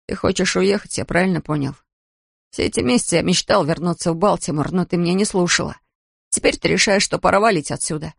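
A man's voice: high voice, fast, gravelly, no echo, studio quality. A reader doing a furious, resentful teenage boy. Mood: resentful angry. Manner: resentful, sullen, shouting. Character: angry teenage boy fighting his mother.

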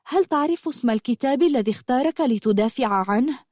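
A woman's voice: high voice, expressive, fast, darkish tone, dry recording, studio quality, voice pushed up. A woman doing a puzzled, wary young woman. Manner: questioning, apologetic.

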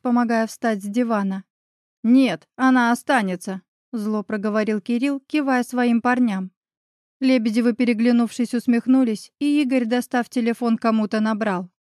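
A woman's voice: on the high side, steady tone, moderate pace, warm tone, no echo, clean studio sound. A woman narrating a romance novel in the first person, reading expressively and dramatically. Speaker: audiobook narrator.

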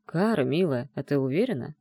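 A woman voicing a soft-spoken teasing male mage. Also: expressive, a little fast, slightly rough, dry recording, clean studio sound. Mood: tender, teasing. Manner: soft, low, hushed murmur. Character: gentle teasing self-assured male mage.

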